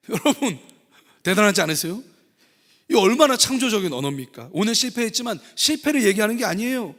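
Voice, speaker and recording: A man's voice: high-pitched, fairly quick. Man preaching in a reverberant church. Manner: lively preaching with questions to the congregation. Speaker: pastor. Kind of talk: sermon. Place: church sanctuary. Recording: long church hall reverb.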